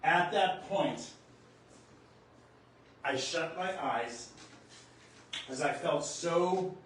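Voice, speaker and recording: Brief: earnest man, slightly higher voice, telling a personal story in a very echoey home room, mic set back, faint hum. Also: distant mic. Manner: earnest, halting, reliving the moment. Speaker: spiritual storyteller. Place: room in his home near the kitchen.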